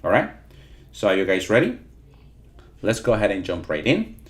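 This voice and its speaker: A man's voice: fairly low pitch, huge pitch swings, moderate pace. A man teaching a live interactive online lesson, repeating points and often checking in with his listeners. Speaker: teacher of call-centre English.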